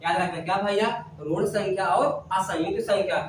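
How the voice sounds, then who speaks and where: High-voiced man drilling a maths class. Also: fairly even intonation, moderate pace, a little hiss or hum. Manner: call-and-response drilling, asks and answers himself. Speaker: maths teacher. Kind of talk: classroom recap lecture. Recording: very echoey room, voice from a distance.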